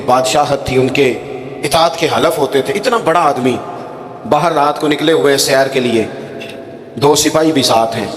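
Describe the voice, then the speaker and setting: A man, preaching a sermon and telling stories with acted dialogue. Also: fairly high pitch. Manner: storytelling with dramatic acted quotes. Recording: echoey hall with long reverb.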